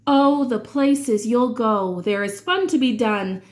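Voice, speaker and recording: A woman reading rhyming verse aloud for children in an expressive, dramatic way, drawing out certain words. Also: a little high, takes it slowly. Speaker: children's read-aloud reader.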